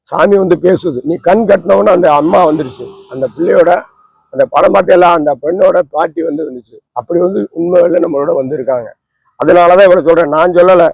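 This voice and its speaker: A man's voice: sits high, gravelly, no room sound, low-quality recording. A man, a holy man, talking outdoors under a tree in an impassioned, lamenting and preachy way. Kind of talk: impassioned talk.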